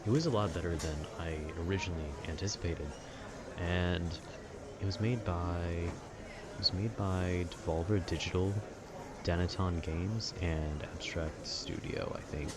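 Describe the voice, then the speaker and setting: Over very noisy outdoor city sounds, an unhurried man with a low voice meanders through laid-back talk about video games. He's full of informal slang and sounds like an amateur host winging it.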